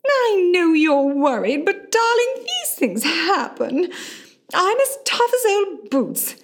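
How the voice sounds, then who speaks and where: In a radio play, a woman voices a famous actress in her forties who is a hospital patient, witty and self-possessed. She speaks slowly in a very high, sing-song full character voice, breezy and reassuring, with a wry, dry, theatrical and affectionate manner.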